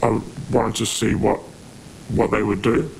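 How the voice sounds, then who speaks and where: Man's voice altered deep and disguised. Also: little pitch movement, a little slow, gravelly, slight background noise, low-quality recording. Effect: voice altered to sound deeper. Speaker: court witness. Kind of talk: recorded testimony.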